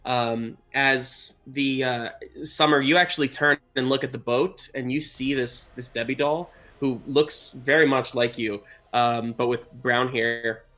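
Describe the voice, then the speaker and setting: A man narrating a tabletop game as game master, improvising haltingly and searching for words. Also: mid-range voice, fairly even intonation, pushed and bright. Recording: music playing behind the voice. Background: music.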